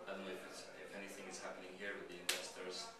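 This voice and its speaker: A man from Slovakia pitching his startup at a meetup, talking casually with many fillers and restarts. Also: completely flat delivery, rapid-fire. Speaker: startup founder giving a pitch. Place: meetup venue. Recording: echoey room, mic far off, crowd behind.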